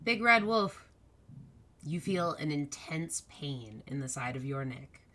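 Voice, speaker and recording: A woman's voice: low-pitched, expressive, slow pace, fairly bright tone. A woman speaking as game master, casually narrating a tabletop role-playing game and calling for rolls.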